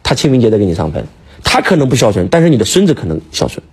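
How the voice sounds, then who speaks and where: A husky-voiced man talks quickly and emphatically, firing rhetorical questions at his listener. His pitch sits low but swings widely as he presses each point. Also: very animated. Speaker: speaker, teacher. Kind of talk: casual preaching chat.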